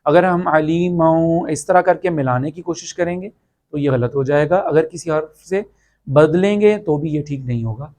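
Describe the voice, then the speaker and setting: A man's voice: on the high side, mellow. Patient man teaching Quran recitation rules. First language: Urdu. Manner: patient, slow drawn-out recitation of example words. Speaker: tajweed teacher. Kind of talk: recorded online lesson.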